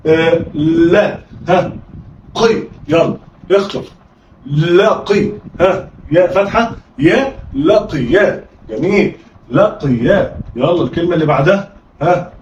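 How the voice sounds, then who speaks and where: A man's voice: fairly high pitch, a little slow, slight background noise. A man with an Egyptian accent teaching children to read Arabic, coaxing them through call-and-response drills and prompting them again and again. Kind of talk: children's reading lesson. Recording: roomy, distant, slightly dull audio.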